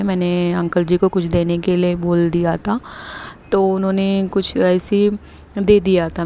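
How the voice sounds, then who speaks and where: A woman's voice: lowish voice, dark tone, slight background noise. A middle-aged woman telling a personal devotional story in a casual, hesitant way, with many fillers and restarts. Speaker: devotee sharing a testimony. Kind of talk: casual spoken testimony.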